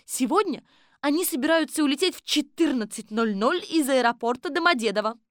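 Keen young female sidekick for a storybook reading, voiced by a woman, high and loud. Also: fairly quick, dry recording, clean studio sound. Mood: excited. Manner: excited, breathless reporting. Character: eager young female detective assistant. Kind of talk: audiobook character voice.

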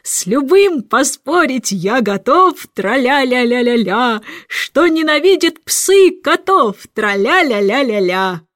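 A forgetful, boastful storybook king who hates his lessons draws out every word with slow pomp, as a woman reads him. The voice sits fairly high, and the dry close sound has almost no room echo. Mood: overjoyed, singsong. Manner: slow, drawn-out, pompous delivery.

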